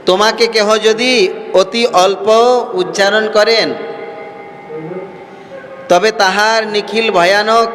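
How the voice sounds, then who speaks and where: A monk preaches slowly in a high voice, pausing to repeat phrases and ask his listeners questions. His voice rings out through a long hall reverb, with faint music underneath. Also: a bit bright. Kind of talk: devotional sermon.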